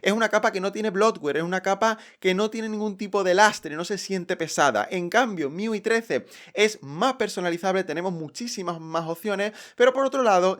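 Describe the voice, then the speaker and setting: A man, hosting a casual, playful tech review vlog. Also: high voice. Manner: playful, chatty, energetic.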